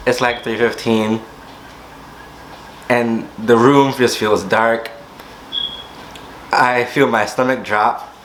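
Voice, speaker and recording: Young man, storytime vlog, dramatic retelling, acted-out quotes, mid-pitched voice, faint background hiss. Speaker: vlogger.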